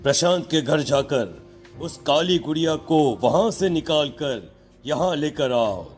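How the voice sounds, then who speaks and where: A man's voice: on the high side, lively intonation, unhurried, music in the background. A man voicing a stern, accusing holy man who banishes spirits in a dramatized horror story. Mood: solemn command. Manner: solemn, commanding.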